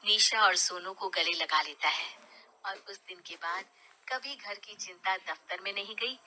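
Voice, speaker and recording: A woman narrating a cartoon story in a hushed, low-key way. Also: a little slow, poor audio.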